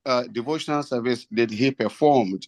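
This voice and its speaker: A man asking a formal, reverent question as a devotee, deliberately, phrase by phrase. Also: mid-range voice, no echo, studio quality.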